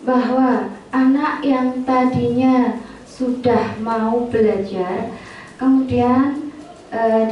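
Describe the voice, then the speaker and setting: A woman's voice: fairly high pitch, highs cut off, slight background noise. A middle-aged woman teacher giving a spoken presentation to fellow teachers, often turning to her listeners. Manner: addresses listeners often, acts out short example scolding lines. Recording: echoey room, from far off.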